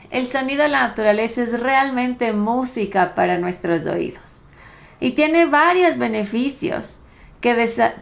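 A woman leading a guided meditation in a calm, instructional manner. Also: on the high side, vocal fry. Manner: calm, instructional, drawn-out phrases in relaxation cues.

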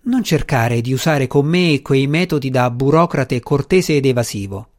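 A man's voice: medium pitch, animated, moderate pace, darkish tone, close to an everyday voice. A man voicing a frustrated, insistent male space official who speaks urgently and presses his point.

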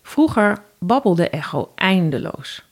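Calm Dutch woman telling a fairy tale. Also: on the low side, takes it slowly. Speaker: storyteller. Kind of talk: scripted fairy tale narration.

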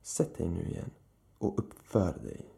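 A man's voice: fairly low pitch, vocal fry, warm tone. A man voicing a cruel, seductive supernatural woman who speaks in a cold, condescending, mocking way.

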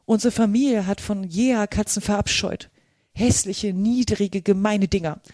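An indignant, easily offended little mouse from a storybook, read by a woman. Its lines are clipped and sharp. The recording is dry with no room sound. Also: medium pitch, moderate pace, no echo, lightly acted. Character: small touchy frightened mouse, indignant.

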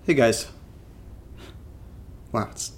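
For a horror drama, an actor portraying a troubled young man records a hesitant, confessional audio diary. His voice sounds a bit congested, and the mood is uneasy and wry.

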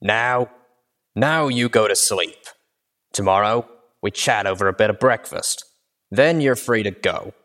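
A gruff griffin mercenary woman, as a male reader voices her, blunt and businesslike in a low register. A storybook soldier who keeps her word. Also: a little slow, a bit bright. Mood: firm.

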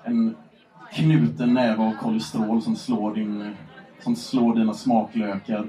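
A man's voice: fairly low pitch, level tone, mellow, echoey room, distant mic. A man co-hosting a live podcast on stage, talking in an offhand, joking way. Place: stage at a live show with an audience. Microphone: handheld microphone.

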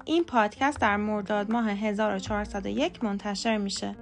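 A woman speaking Persian as a first language, hosting a short podcast lesson on English pronunciation, spelling words out slowly letter by letter. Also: medium pitch, fairly even intonation, vocal fry, over loud music. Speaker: podcast host and English tutor. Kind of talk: scripted lesson.

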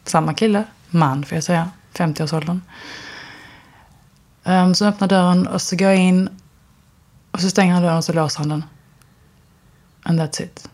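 A woman actress speaking candidly as an interview guest, in a relaxed way with many fillers. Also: fairly low pitch, long pauses. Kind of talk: casual storytelling conversation.

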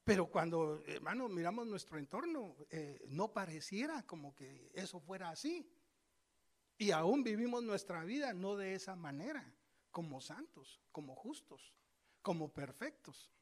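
A male preacher giving a sermon, telling scripture stories with lively asides and speaking straight to his congregation. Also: high-pitched, measured pace. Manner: lively storytelling, acts out scripture voices; addresses congregation directly, conversational asides.

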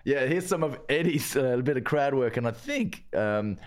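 A man with a mid-pitched voice chats as a podcast host. He is playful and informal, riffing on silly ideas in a loose, conversational way. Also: expressive, moderate pace. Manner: playful, riffing, acts out little quotes. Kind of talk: casual comic podcast chat.

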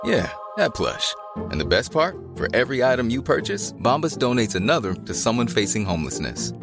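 Guy doing an ad read, bouncy lively voice, music playing under him. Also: mid-range voice, a little fast. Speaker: ad narrator. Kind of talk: scripted ad read. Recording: ad voice-over with music.

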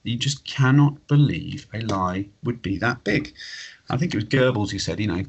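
A man's voice: lowish voice, animated, moderate pace, gravelly, husky, lo-fi sound. A man in his late thirties explaining his views in a casual, matey, rambling conversational way. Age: late 30s. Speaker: interview guest, flat earth believer.

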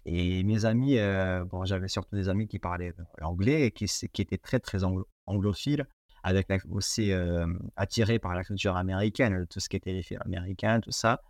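Low-pitched and fairly quick with a darkish tone, this young man from Portugal is a guest in a casual interview, speaking French with the accent of his native Portuguese. He's hesitant, full of fillers and restarts, and the studio-quality audio has no room sound.

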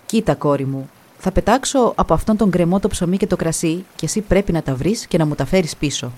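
Woman doing a tired old king, lower voice, slow and heavy. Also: expressive, darkish tone. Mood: hesitant. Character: torn, weary old king, a reluctant father.

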